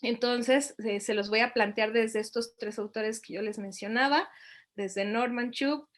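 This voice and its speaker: A woman's voice: a little high, fairly even intonation, a little slow. A middle-aged woman, giving a reflective talk to parents and asking them many questions.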